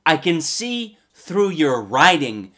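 A man's voice: on the high side, very animated, slow, pushed and bright, slight background noise. A young man hosting a comedy commentary video, talking in a crude, mocking way and sliding into goofy voices. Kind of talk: sarcastic commentary.

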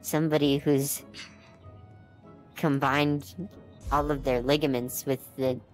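A woman voicing a wary, dry-humored robot streamer with a quick, wry, demanding way of talking, in a fan animation. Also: sits low, little pitch movement, a little mellow, faint music behind.

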